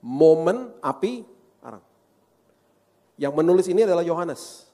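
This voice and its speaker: Storytelling pastor in an echoey hall. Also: male voice, a little high, lively intonation, unhurried, dark tone. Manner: storytelling, acting out dialogue with playful voice shifts. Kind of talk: sermon. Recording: echoey hall with long reverb.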